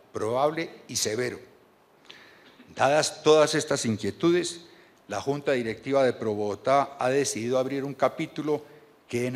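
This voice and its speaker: A man, reading a measured and earnest formal speech from notes at a podium microphone in a large banquet hall. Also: medium pitch. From Colombia. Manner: measured and earnest, reads from paper with small restarts. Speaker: board chairman giving a speech. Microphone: podium microphone on a stand.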